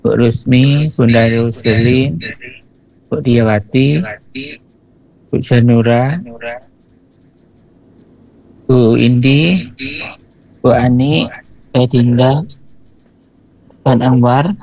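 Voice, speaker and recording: Man, caller, bad connection breaking up, dull lo-fi phone sound, slow. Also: medium pitch, vocal fry. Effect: choppy WhatsApp phone line, breaking up. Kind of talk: casual call-in greetings. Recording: lo-fi phone call audio.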